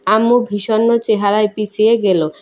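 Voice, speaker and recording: A woman narrating a first-person emotional story in a steady, measured reading. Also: medium pitch.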